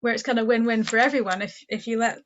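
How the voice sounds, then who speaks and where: A woman's voice: on the high side, steady tone, quick pace, dull audio, slight background noise. A woman co-hosting a casual podcast chat, hesitant and searching for words. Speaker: podcast co-host.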